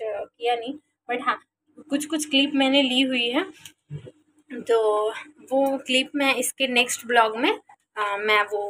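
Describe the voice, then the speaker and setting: A young adult woman and mother chatting casually in a home vlog, coaxing her baby in a sing-song voice and then rambling relaxed to her viewers. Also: a little high. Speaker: vlogger and mother.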